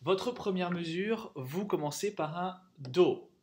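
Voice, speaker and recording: A man's voice: sits high, expressive, slow pace, darkish tone, slight background noise. A man teaching a music theory lesson, counting rhythms aloud, singing note names and checking in often with the class.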